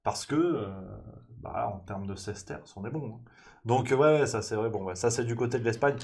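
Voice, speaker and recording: A man's voice: mid-range voice, moderate pace, darkish tone. A man hosting a live-streamed morning press review in a loose, joking way, reading out chat messages and thanking subscribers.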